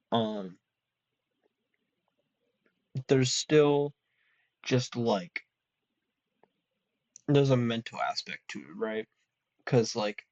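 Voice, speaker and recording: In a dry, dull lo-fi recording, a young man vlogs alone from his college dorm room. He speaks in a mid-range, darkish, slightly nasal voice, rambling casually with plenty of ums and restarts.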